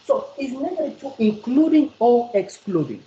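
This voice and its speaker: A woman's voice: a little high, very animated, moderate pace, warm tone, highs cut off. South African woman tutoring maths, echoey. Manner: repetitive, coaxing, quizzes the student. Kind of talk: one-on-one maths lesson.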